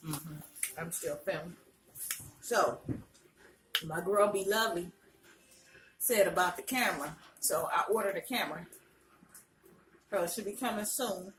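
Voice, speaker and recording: A woman's voice: on the low side, measured pace, long pauses, fairly bright tone. Roomy, distant woman, eating while chatting. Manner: frank, colloquial, speaking between bites. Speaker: vlogger. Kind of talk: casual mukbang chat while eating crunchy fried chicken. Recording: roomy, distant mic, faint noise, clicks.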